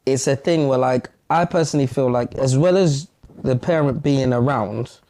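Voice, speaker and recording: A man's voice: mid-range voice, moderate pace, dark tone. A young man from London, a podcast co-host in the guest seat, talking things over in a rambling, reflective way with lots of "you know what I'm saying". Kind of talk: casual podcast conversation.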